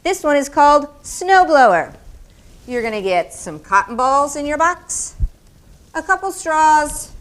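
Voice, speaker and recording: A woman's voice: high-pitched, big pitch swings, a little slow. A woman hosting a kids' show, explaining and playing a game in a peppy, friendly way. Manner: peppy, friendly, addresses children directly. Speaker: children's museum host.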